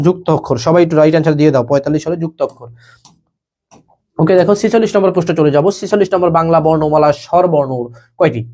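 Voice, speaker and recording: A man's voice: on the high side, warm tone. A young man teaching a live online admission class, quizzing students and repeating each question and answer. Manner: rapid, repetitive, quizzes students, keeps saying "okay bhaiya".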